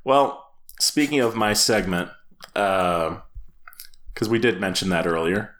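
A man co-hosting a podcast, talking in casual chat. His voice sits a little low, and he keeps breaking into laughter as he rambles along with fillers and restarts. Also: lively intonation, takes it slowly, fairly bright tone. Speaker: podcast co-host.

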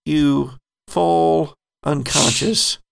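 A man acting as game master narrates a tabletop horror game slowly and deliberately, letting small chuckles slip between descriptions. His voice is on the high side, steady in tone, with a gravelly, creaky edge.

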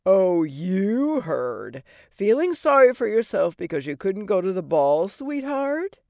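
A woman's voice: medium pitch, very animated, slow pace, creaky, no echo, dull audio, exaggerated voice. Woman doing a brash, sarcastic fairy godmother. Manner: loud, blunt and sarcastic.

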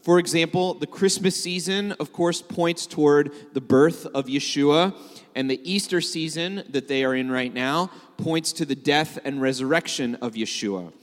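A man's voice: on the high side, moderate pace. A man giving a sermon to a congregation, joking and conversational with filler words. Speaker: messianic rabbi preaching. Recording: long hall reverb.

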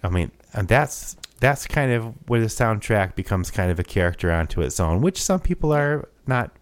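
Lively low-voiced man chatting animatedly. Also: no room sound. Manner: animated and quick to laugh. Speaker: podcast co-host. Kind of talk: casual chat.

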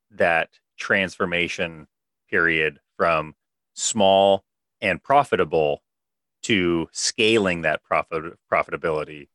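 A man hosting a podcast interview, asking questions in a halting way and repeating words. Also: deep voice, pushed and bright, no echo. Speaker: podcast host.

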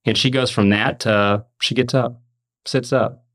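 A man's voice: mid-range voice, fairly even intonation, a bit bright. A man on a podcast telling an earnest faith testimony, emphatic, often restarting and repeating words. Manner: emphatic, fast and repetitive restarts. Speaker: podcast host.

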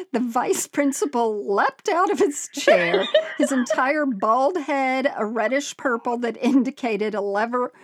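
A woman's voice: fairly high pitch, dry recording, clean studio sound. A woman podcast co-host reading a listener's story aloud, often breaking into laughter and exclamations.

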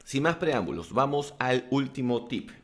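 A man giving motivational tips in a casual monologue to camera, blunt and crude with animated asides. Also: mid-range voice, a little slow. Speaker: self-help vlogger and coach.

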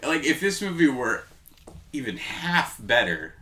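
A man with a slightly high, sharp voice co-hosts a casual movie podcast, very animated yet a little slow. He rambles, filling his talk with plenty of "like" and "um."

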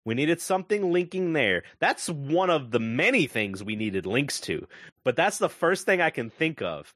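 A man co-hosting a casual movie review podcast, retelling a plot with profane, excitable energy. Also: moderate pace, no room sound, clean studio sound. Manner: profane, excitable storytelling with big pitch swings. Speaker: podcast co-host.

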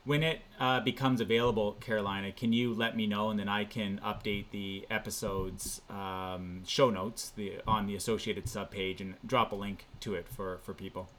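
A podcast host interviewing a guest, asking unhurried questions with fillers. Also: low-pitched, fairly even intonation, a bit bright, a little hiss or hum.

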